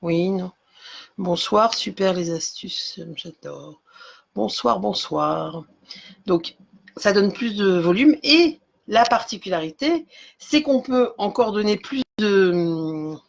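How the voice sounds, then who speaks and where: A woman's voice: mid-range voice, gravelly. A woman hosting a live craft tutorial, explaining step by step with many fillers and greeting viewers by name as she works. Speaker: craft demonstrator.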